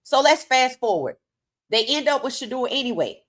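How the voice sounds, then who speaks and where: A woman's voice: sits high, animated, moderate pace, a bit bright. A woman delivering opinionated sports commentary straight to her audience, emphatic, with rhetorical questions and repeated phrases.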